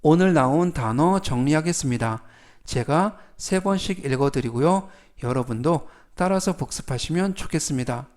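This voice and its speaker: With a slightly high, somewhat mellow voice and lively intonation, a man works through English vocabulary in a slow, careful lesson, clearly repeating each word for Korean-speaking students.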